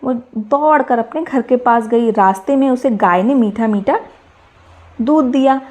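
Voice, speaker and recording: A woman's voice: fairly high pitch, a little slow, darkish tone, dull audio. Woman teacher retelling a story to children. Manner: retells each line in simpler words, asks listeners questions. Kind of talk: reading and explaining a story to young children.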